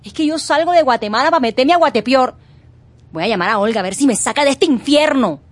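An actress playing a sulky grown daughter who complains in a whiny, sarcastic way. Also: female voice, sits high, animated, fast talker, a little hiss or hum. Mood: grumbling. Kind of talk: dramatic comic acting.

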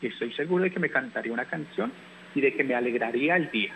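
A man reading aloud and voicing a small, lonely yellow bird boy who is looking for a mother, with a wistful, pleading way of speaking. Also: medium pitch, animated, fast talker, vocal fry, phone-quality sound, a little hiss or hum.

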